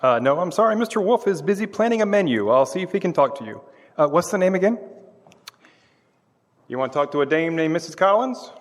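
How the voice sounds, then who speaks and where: Archie Goodwin, a wisecracking sarcastic sidekick, as an actor plays him. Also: male voice, high-pitched, lively intonation, a little fast. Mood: breezy. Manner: sarcastic, breezy, flirtatious. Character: wisecracking male detective's assistant, cocky and sarcastic. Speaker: stage radio actor. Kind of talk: live old-time radio drama. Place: historic courthouse, live on stage. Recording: long reverb of a courthouse hall.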